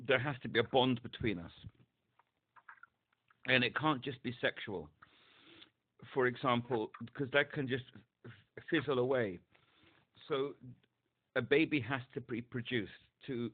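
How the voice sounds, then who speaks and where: A man on a support phone call, talking hesitantly and searching for words, heard over a phone line. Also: mid-range voice. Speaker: caller seeking support.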